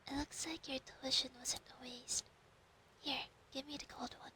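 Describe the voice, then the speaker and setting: Woman playing a high whispering possessive fox spirit. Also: flat delivery, moderate pace, pushed and bright. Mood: resigned, brisk. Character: possessive female fox spirit familiar, clingy and proud. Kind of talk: whispered role-play. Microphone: close binaural microphone.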